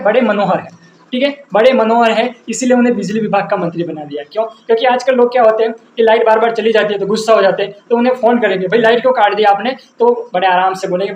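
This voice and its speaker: A man teaching an exam-prep lesson with memory tricks, asking and answering his own questions over and over. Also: high-pitched. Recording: roomy echo, faint background noise.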